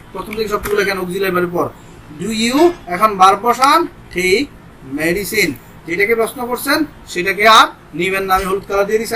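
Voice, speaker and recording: A man's voice: high voice, sharp tone, a little hiss or hum, poor audio. A man with a Bangladeshi accent teaching English grammar in a casual, step-by-step way, sweating in a hot room and switching between Bengali and English examples. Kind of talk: informal grammar lesson.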